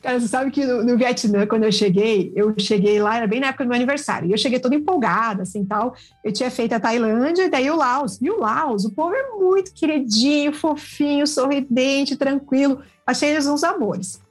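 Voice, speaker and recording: A woman with a Brazilian Portuguese accent telling travel stories in a casual, animated, self-deprecating chat. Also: high voice, a little fast, hardly any pauses, soft background music. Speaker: traveler guest. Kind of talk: casual podcast chat, storytelling.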